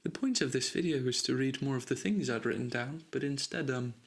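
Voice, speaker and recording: A man speaking softly in a silly, rambling way for an ASMR video, reading out his own odd writings. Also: medium pitch, brisk, creaky, breathy edge. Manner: silly, rambling, self-amused. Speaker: ASMR creator.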